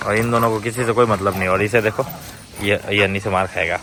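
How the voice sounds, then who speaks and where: A man working as a dog trainer talks casually to the camera at a dog hostel, often breaking off to shout firm orders and gentle coaxing at the dogs. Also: lowish voice, steady tone, fast, noisy background. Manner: commanding and coaxing dogs, often rising sharply.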